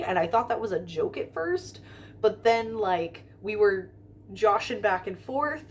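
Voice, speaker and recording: A young American woman with a medium-pitched voice vlogs to the camera in an airport terminal, filming herself in front of a window. She rambles through a story with many fillers and restarts, and there's slight background noise.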